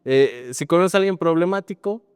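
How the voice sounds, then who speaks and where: A man's voice: a little high, animated, moderate pace, darkish tone, smooth, no echo, clean studio sound, in a large hall. A man with a Mexican accent preaching a sermon as pastor, in a conversational style that keeps adding tag questions.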